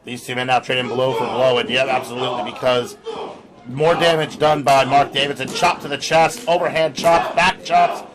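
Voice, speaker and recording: A man's voice: mid-range voice, level tone, moderate pace. A man working as a lucha libre announcer, giving live play-by-play and calling wrestling moves in short bursts. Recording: crowd noise behind commentary. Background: live crowd.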